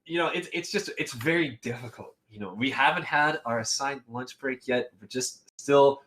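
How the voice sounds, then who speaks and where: A young man casting a live esports match, rambling in a playful, excitable way between games. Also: medium pitch, moderate pace. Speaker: esports caster. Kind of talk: casual live game commentary.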